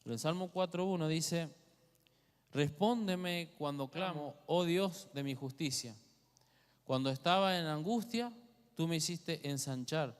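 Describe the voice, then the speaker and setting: Unhurried and clear, with a resonant tone on the high side, a man with an Argentine Spanish accent preaches a teaching sermon. He asks the congregation questions along the way, and the church hall lends long reverb.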